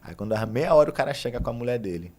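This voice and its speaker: Fast-talking Brazilian man telling a story. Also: medium pitch. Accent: Brazilian Portuguese. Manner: animated, acts out his own quoted words. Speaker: podcast guest, jiu-jitsu teacher. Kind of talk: casual storytelling.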